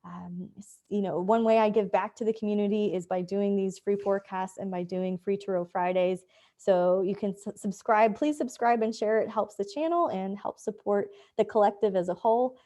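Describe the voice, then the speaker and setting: A woman's voice: mid-range voice, fairly even intonation, normal speed, warm tone. A woman astrologer giving a casual, chatty monthly forecast, upbeat and full of fillers.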